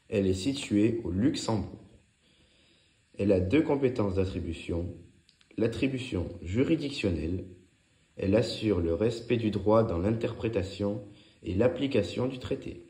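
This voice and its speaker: Low-voiced man reading notes, echoey room. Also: warm tone. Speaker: narrator of a law revision lesson. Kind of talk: scripted study notes read aloud. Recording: echoey, roomy sound.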